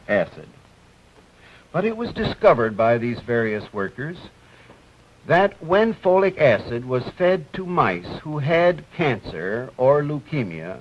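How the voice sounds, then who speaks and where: A physician presenting medical research on a 1950s TV broadcast, explaining step by step with many hesitant "uh" fillers. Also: male voice, mid-range voice. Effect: 1950s TV broadcast sound. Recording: dull lo-fi old TV audio, faint hiss.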